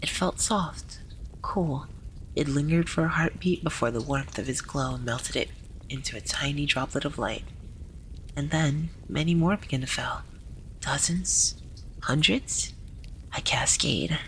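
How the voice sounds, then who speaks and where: A storyteller narrating a scripted tale in a gentle, hushed ASMR library whisper, often slipping into breathy whispering. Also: medium pitch, unhurried, a little hiss or hum, rough recording.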